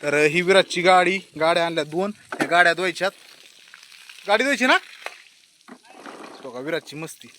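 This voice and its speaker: A man casually narrating his morning for viewers outside a shop. He coaxes a small child in a gentle, soothing way. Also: on the high side, moderate pace, pauses often, a little hiss or hum. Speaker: vlogger. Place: outdoors by a shop on a rainy morning.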